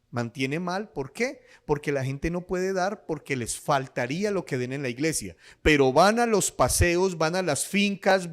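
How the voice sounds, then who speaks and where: High-voiced man preaching. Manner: rhetorical, firing off questions. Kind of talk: sermon.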